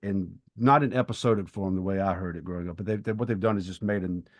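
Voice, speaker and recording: A low-pitched, fast-talking middle-aged man, a writer and podcast co-host, holds forth casually with bookish opinions and long explanations. The recording is dry.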